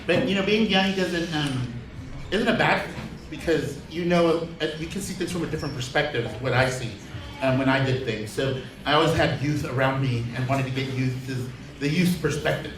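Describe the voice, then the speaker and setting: A man's voice: fairly high pitch, normal speed. A man moderating a community panel in a loose, chatty way with lots of fillers. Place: large community center hall. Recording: echoey hall from far off.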